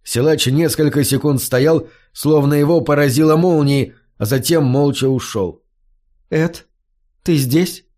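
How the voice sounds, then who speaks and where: Guy reading a fantasy novel aloud, steady and measured. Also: on the high side. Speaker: audiobook narrator. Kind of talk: scripted storybook narration.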